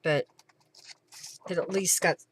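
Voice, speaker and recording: On a craft livestream, a woman with a lowish voice takes it slowly, keeping her intonation fairly even, with slight background noise. She talks informally to herself and viewers, thinking aloud through each step while working with her materials.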